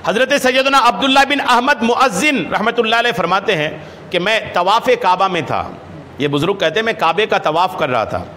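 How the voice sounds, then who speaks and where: A man with a high, bright voice delivers a religious lesson, drawing out scripture in slow chant before explaining it with rhetorical questions and repeated phrases. His pitch swings widely, and he is recorded with a long hall reverb and faint noise underneath. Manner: chants Arabic hadith text slowly, then explains it in lively repetitive speech. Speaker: religious scholar and preacher. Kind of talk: hadith lesson sermon.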